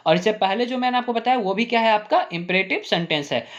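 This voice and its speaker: A male English teacher explaining grammar, asking the class rhetorical questions and repeating "ठीक है?" while saying example sentences slowly. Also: high voice, a bit bright, highs cut off.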